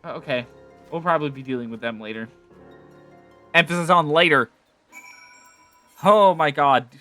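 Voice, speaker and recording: A man's voice: fairly high pitch, normal speed, sharp tone, soft background music. Wry man chatting over gameplay. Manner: chatty, wry, self-correcting asides. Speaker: streamer. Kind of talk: casual gameplay commentary.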